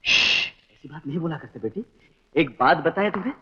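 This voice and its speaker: A man's voice: a little high, expressive, brisk, sharp tone, slightly rough, heavily acted. Proud, short-tempered father; commanding; muffled 1960s film sound. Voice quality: stern, commanding.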